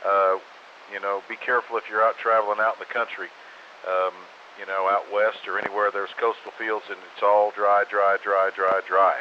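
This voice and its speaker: A man's voice: fairly low pitch, level tone, moderate pace. A man hosting an amateur radio net in a casual, folksy, rambling way over a crackly walkie-talkie style transmission. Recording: dull two-way radio with faint hiss.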